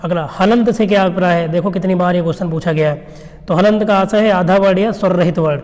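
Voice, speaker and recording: A male teacher with a high, darkish voice talks fast through an exam revision lecture, and a long reverb tail trails his words. He explains by posing questions and then answering them himself.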